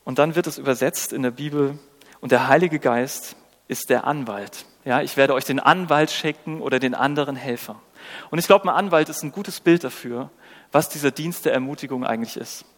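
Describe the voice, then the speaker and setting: Speaking fairly quickly at medium pitch, a man delivers a conversational, engaging sermon. He frequently asks his audience rhetorical questions and performs the quotes he cites, all in a hall with long reverb.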